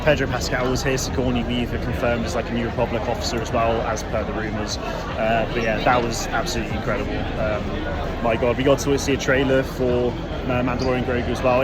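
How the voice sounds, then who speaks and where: A man vlogging casually at a convention, excited and rambling with many fillers, his voice a little worn. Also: mid-range voice. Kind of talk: casual vlog to camera.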